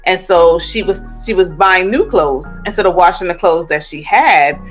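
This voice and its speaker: A woman from Jamaica tells her story as a podcast guest, lively and animated, slipping into other people's voices as she quotes them. Her voice sits on the low side, with faint music underneath. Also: moderate pace. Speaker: guest entrepreneur. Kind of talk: casual interview storytelling.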